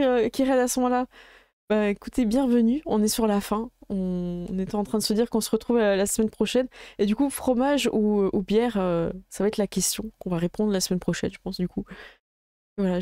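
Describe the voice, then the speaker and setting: A woman game master chatting casually as she wraps up a live stream, halting often with fillers. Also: mid-range voice, warm tone, no room sound, clean studio sound.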